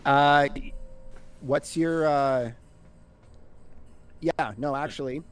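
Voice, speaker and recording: A man narrating a tabletop game casually as game master, halting and sweary. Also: a little high, steady tone, clear, resonant tone, soft background music.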